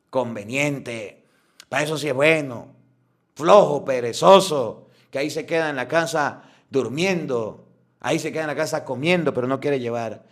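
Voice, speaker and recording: Fiery scolding priest. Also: male voice, fairly high pitch. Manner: fiery, scolding, with sudden loud outbursts. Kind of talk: scolding homily.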